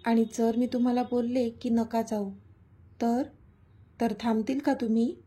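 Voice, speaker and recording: A woman reading the lines of an emotional, shy young heroine in a love story, in a gentle, pleading way. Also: on the high side, flat delivery, measured pace, breathy edge.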